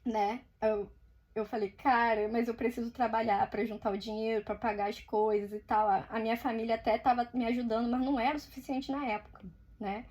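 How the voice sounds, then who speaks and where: Brazilian girl vlogging while she draws, chatty, swears a bit, kinda high voice. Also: little pitch movement, fairly quick, darkish tone. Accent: Brazilian Portuguese. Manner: chatty, swears, acts out quoted lines. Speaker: artist vlogger. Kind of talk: casual storytelling while drawing.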